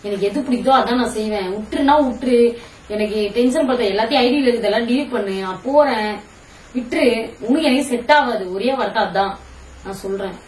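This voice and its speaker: A woman's voice: fairly high pitch, fairly quick, reverberant, far from the mic, poor audio. Young woman vlogger, blunt and teasing, faint background hiss. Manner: blunt, scolding, then teasing. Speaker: prankster vlogger. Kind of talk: casual prank vlog, bickering.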